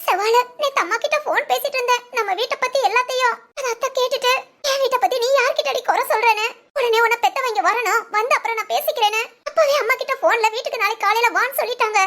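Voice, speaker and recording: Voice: very high voice, fast, a bit bright. A performer voicing a frightened young married woman in a cartoon family drama, pleading and anxious. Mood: fearful. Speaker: daughter-in-law.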